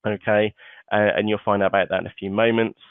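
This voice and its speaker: Talking fast in a fairly low, resonant and clear voice with little pitch movement, a webinar host guides a live online seminar. He keeps things casual and chatty, often saying "okay" and "uh" between points. His web conference mic gives tinny, phone-like call audio without room sound.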